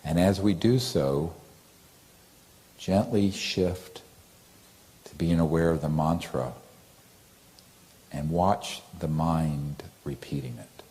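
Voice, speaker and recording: Man, guided meditation, extremely deep pitch, unhurried soft delivery, mellow tone. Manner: slow, soft and gentle, with long pauses; chants a mantra in a drawn-out tone.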